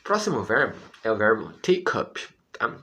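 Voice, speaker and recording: Man, Brazilian Portuguese accent, English teacher, lively pitch, patient and repetitive. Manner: patient, repeats words slowly, asks "tá?". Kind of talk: explaining English vocabulary in Portuguese.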